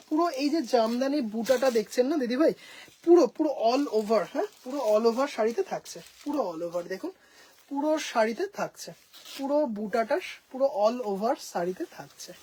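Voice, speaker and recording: On a poor-quality recording, a woman with a Bengali accent shows off sarees for sale from her home boutique in a live sales showcase. Her voice is a little high, warm and slightly rough, with lively intonation at a normal speed. She's enthusiastic, slips English phrases into her talk, and calls her viewers sisters.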